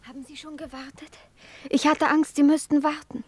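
An actress playing an impulsive, ardent young merchant's daughter in a 1950s German radio play, often speaking in a breathy half-whisper. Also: female voice, sits high, flat delivery, normal speed, close to an everyday voice. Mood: tender.

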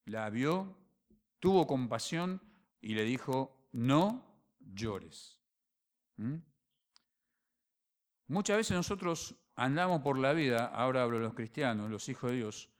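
A man with a Rioplatense Spanish accent preaching a sermon as pastor, animated, dropping to quiet phrases and then rising to loud emphatic ones. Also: mid-range voice, takes it slowly. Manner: animated preaching, acts out voices and dialogues.

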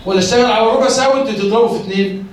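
A man with an Egyptian Arabic accent and a very high voice, lecturing teachers in a classroom. He explains step by step and keeps asking questions he then answers himself. The mic sits far off in a very echoey room. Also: racing. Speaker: teacher trainer. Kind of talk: lecture on teaching children to read.

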